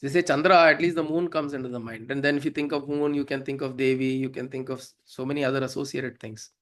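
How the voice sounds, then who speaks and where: Here a teacher of Sanskrit devotional hymns, a man with a South Indian accent, explains verses quickly in a mid-range voice with fairly even intonation. His manner is informal and didactic, punctuated by regular questions to check understanding.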